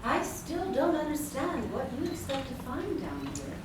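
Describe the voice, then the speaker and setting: A woman playing a polite, uneasy asylum doctor, hesitant and deliberate, in a live radio play. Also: sits high, huge pitch swings. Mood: doubtful. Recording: echoey hall from far off, noisy.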